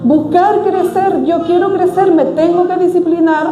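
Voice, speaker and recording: High-voiced woman preaching in an echoey hall. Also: steady tone, normal speed, noisy background. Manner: earnest, exhorting, with frequent hesitations. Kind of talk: sermon. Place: church hall.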